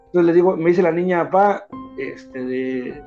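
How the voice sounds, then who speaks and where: A man's voice: on the high side, unhurried, muffled recording, faint music behind. A man in his thirties with a Mexican Spanish accent, telling a personal story in casual, slangy chat full of filler words. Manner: slangy, animated, peppers speech with filler words.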